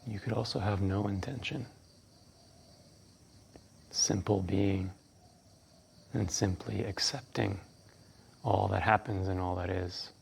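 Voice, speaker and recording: A man guides a breathwork meditation as the instructor, speaking calmly, hushed and unhurried, with long pauses. His voice is low with vocal fry, and there's slight background noise.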